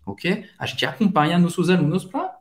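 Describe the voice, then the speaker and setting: A French teacher with a Brazilian Portuguese accent gives a language lesson and repeats each phrase slowly and carefully so listeners can practice. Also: mid-range voice, very animated.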